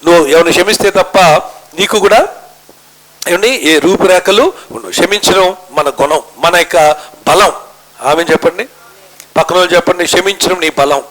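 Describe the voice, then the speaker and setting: A man's voice: high voice, normal speed, long pauses, a bit bright, low-quality recording. A middle-aged man, preaching a sermon in church, putting questions to the congregation and mixing in English. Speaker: pastor.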